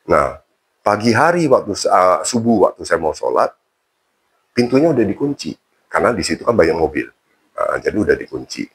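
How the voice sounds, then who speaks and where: A man's voice: low voice, big pitch swings, moderate pace, long pauses, slight background noise. A man telling his own conversion story in a casual interview, chatty and self-mocking. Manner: chatty, colloquial, self-mocking, many fillers.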